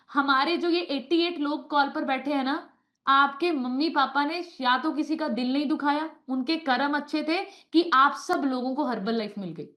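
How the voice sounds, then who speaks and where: A woman's voice: high-pitched, bright, forceful tone. A woman, a nutrition coach giving a motivational talk over a video call, telling stories with emphatic repetition.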